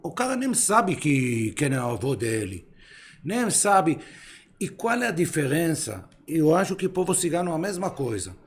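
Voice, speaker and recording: A man's voice: on the high side, very animated, normal speed. Israeli-born man, hesitant speech. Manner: hesitant, filler-heavy, broken Portuguese. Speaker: guest philosopher. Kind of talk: casual podcast interview. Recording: faint background noise.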